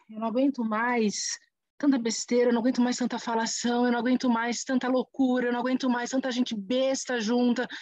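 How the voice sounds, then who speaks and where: Woman as a fed-up arguer, fairly high, dry close sound. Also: darkish tone, dry recording, close to an everyday voice, low-quality recording. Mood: exasperated. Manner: insistent, repetitive, thinking aloud. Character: exasperated woman fed up with nonsense. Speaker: theatre workshop participant. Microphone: video call.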